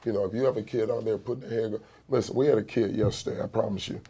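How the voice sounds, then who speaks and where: A man, a youth basketball coach, telling stories in casual chat with an animated manner. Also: fairly low pitch, very fast, breathy edge.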